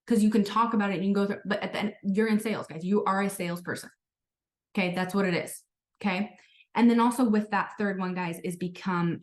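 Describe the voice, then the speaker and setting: Woman, sales team leader, motivational talk, fast, lowish voice, chatty storyteller. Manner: chatty, storytelling, frequent "like" and "guys". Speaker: sales team leader hosting a training call.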